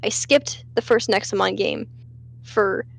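A woman's voice: medium pitch, measured pace, gravelly. A woman hosting a let's play, chatting in a rambling way with lots of fillers and restarts. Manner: rambling, with many fillers and self-corrections. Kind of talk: casual game commentary.

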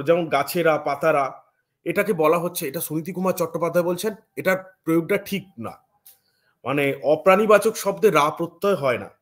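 A Bengali man lecturing as a teacher, explaining step by step and checking in with his listeners often. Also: a little high. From West Bengal. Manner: explains step by step, frequent "thik ache" check-ins. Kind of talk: academic lecture.

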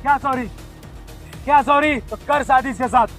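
A young man plays a stern bystander who takes charge of a street quarrel. He barks short commands again and again in a very high voice, with faint music underneath. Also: normal speed, a bit bright. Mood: interrogating. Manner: commanding, repeats curt orders. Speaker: actor in a staged vlog skit. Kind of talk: staged street drama.

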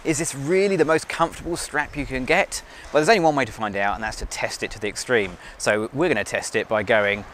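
A man's voice: medium pitch, a little fast, hardly any pauses, a bit bright, slight background noise. A middle-aged man presenting an on-location gear test to camera, speaking outdoors a few feet from the camera. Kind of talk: on-location vlog, talking to camera. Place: outdoors in a city square and high open viewpoint. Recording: music behind the voice.

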